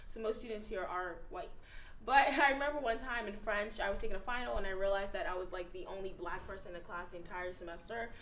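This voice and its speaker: Young woman, reflective student panelist, quick pace, roomy sound. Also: mid-range voice, fairly bright tone, a little hiss or hum. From Ghana. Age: young adult. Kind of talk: panel discussion answer.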